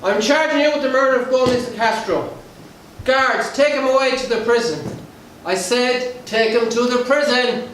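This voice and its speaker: A man's voice: very high voice, normal speed, a bit bright. A man playing a stern, commanding mayor and magistrate in a historical play, with formal, solemn, declamatory delivery. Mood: barking orders. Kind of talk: historical stage play acting. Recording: echoey hall, distant mic, faint noise.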